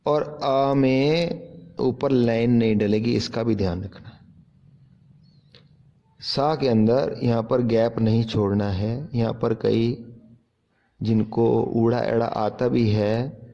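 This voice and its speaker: A man's voice: medium pitch, steady tone, takes it slowly, long pauses, dark tone, lo-fi sound. A man teaching how to write letters step by step, carefully pointing out common mistakes and repeating corrections. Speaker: Punjabi writing teacher. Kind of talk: step-by-step handwriting lesson.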